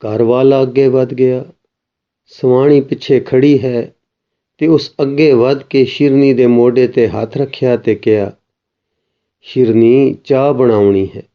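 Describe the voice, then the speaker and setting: A male narrator reads literary spiritual prose slowly and solemnly, at a middle pitch. The recording sounds dull and lo-fi. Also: fairly even intonation.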